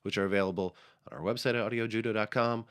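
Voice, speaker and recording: A man hosting a music podcast while fighting a head cold, his voice breathy, talking casually with a dry, self-mocking manner. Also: fairly low pitch, steady tone, racing, fairly bright tone. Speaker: podcast host.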